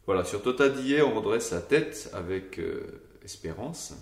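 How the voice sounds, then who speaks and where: A man's voice: on the low side, expressive, unhurried, gravelly, roomy sound. A man teaching Gregorian chant to a choir, explaining the melody and now and then singing short examples.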